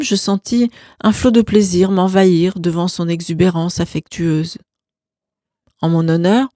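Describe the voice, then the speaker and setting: A woman reading a novel aloud as narrator, in calm, even storytelling. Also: on the low side, no room sound, clean studio sound. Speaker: audiobook narrator.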